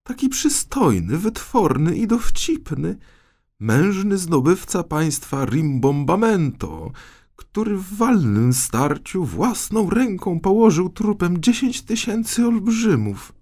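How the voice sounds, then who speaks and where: A man's voice: high-pitched, big pitch swings, takes it slowly, a little mellow, voice pushed up, exaggerated voice. A man voicing a spoiled, flighty young princess in an audiobook fairy tale, gushing in a raised, breathless voice.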